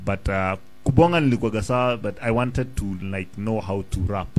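A Kenyan-accented man in his thirties appears as a guest rapper in a casual radio studio interview, speaking animatedly and a little fast. He mixes English with Swahili slang and keeps restarting sentences. He's close to a boom-arm studio mic in a small room, with faint music behind him.

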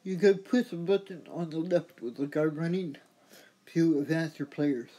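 A middle-aged man with a husky voice hosting a gameplay demonstration, explaining simply and deliberately. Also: fairly high pitch, steady tone, warm tone. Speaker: host showing a mobile game.

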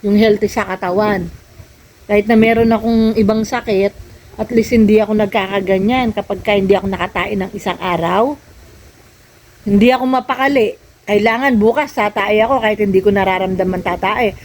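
A woman's voice: medium pitch, steady tone, fairly quick, darkish tone, rough recording. An older woman vlogging at home, nagging and scolding a younger relative in casual talk. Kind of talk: casual family vlog, scolding.

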